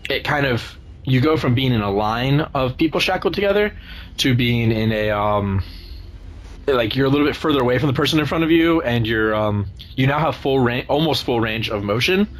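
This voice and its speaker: A man improvising tabletop game narration as game master, often searching haltingly for his words. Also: medium pitch, animated. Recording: noisy room recording.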